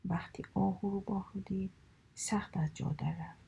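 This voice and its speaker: Gravelly whispering woman storyteller. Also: mid-range voice, steady tone, dull audio. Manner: slow, hushed whispered narration.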